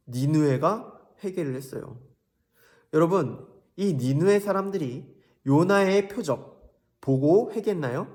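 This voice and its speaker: A young man preaching a children's sermon in an animated storytelling manner, often asking the kids questions. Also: a little high.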